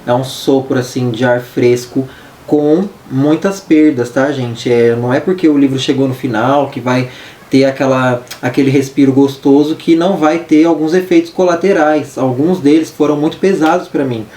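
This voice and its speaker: A Brazilian man reviews a book in a loose, chatty way. His voice is mellow and relaxed, with a lisp and hissing sibilants from talking with braces. He sounds some way from the mic in an echoey room, with faint noise. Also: medium pitch, normal speed. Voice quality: lisping, hissy sibilants from wearing dental braces. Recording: roomy echo, distant mic, faint noise.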